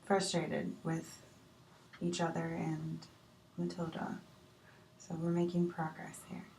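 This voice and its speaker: Lady doing a patient counselor, lowish voice, lots of ums, echoey room, far off. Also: monotone, slow pace, vocal fry. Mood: calm. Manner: gentle, hesitant with many fillers. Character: patient female marriage counselor. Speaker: counselor in role-play. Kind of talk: amateur improvised role-play. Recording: echoey room, distant mic, faint noise.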